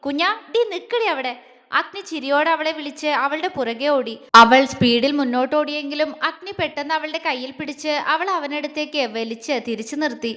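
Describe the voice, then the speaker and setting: A woman narrating a scripted romance audio story in a soft, emotive storytelling manner. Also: high voice. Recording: long hall reverb.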